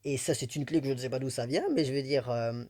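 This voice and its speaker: Interviewed as a guest, a Belgian man with a mild Belgian French accent and a mid-pitched voice shares his personal story at a fast pace. He's sincere and emotional, laughs easily, and rambles warmly from thought to thought.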